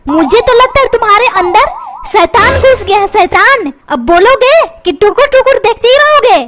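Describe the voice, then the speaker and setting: A woman's voice: very high-pitched, animated, moderate pace, heavy background noise. A woman voicing a bossy cartoon mother who scolds and threatens her husband and son. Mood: scolding. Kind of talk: cartoon voice acting. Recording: music playing underneath.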